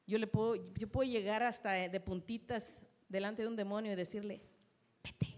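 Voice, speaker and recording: A woman's voice: medium pitch, fairly even intonation, a little fast, a little mellow. A woman pastor preaching a sermon, reading scripture with emphasis and turning to the congregation with asides. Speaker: pastor and teacher.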